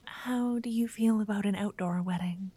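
In a whispered roleplay, a woman voices a shy, nervous young noblewoman, her soft whisper stammering and hesitant now and then. Her pitch is medium and her pace moderate, close to an everyday voice.

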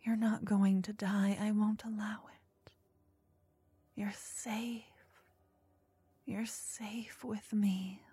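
A woman playing an obsessive, lovestruck fantasy stalker in a sultry, breathy, soothing whispered role-play, tender and possessive. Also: mid-range voice, level tone, no echo, heavily acted. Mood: yearning, possessive. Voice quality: breathy, soft. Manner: sultry, breathy, slow, soothing narration to the listener.

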